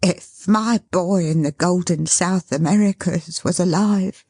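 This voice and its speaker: A woman reading the part of an excitable young wife, talking in a rushed, fluttering way. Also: no echo, studio quality. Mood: ecstatic. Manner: rushed, fluttering, high-strung.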